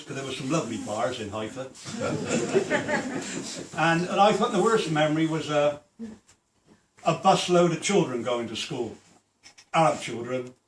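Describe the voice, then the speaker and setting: A man's voice: mid-range voice, slight background noise. An older man, a former policeman, answering audience questions in a plain, matter-of-fact way at a public talk. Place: hall. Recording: echoey hall, voice from far off.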